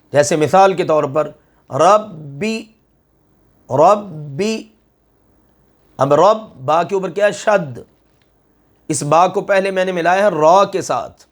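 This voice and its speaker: Middle-aged guy teaching recitation, slow and patient, voice a bit high, stretches out the example words. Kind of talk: step-by-step recitation lesson.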